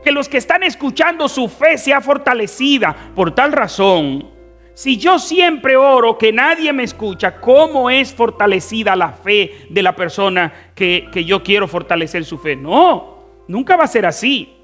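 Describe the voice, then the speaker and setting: A man with a Dominican accent preaching a fervent sermon as pastor, swinging between soft, drawn-out phrases and loud emphatic ones. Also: very high voice, sing-song, faint music behind. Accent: Dominican Spanish. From Dominican Republic. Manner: fervent preaching with wide swings in loudness and stretched words.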